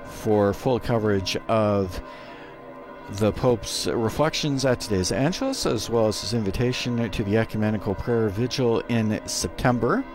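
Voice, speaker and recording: A man doing live radio commentary from a studio, interpreting a speech in short, halting phrases. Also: fairly low pitch. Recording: music audible behind. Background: music.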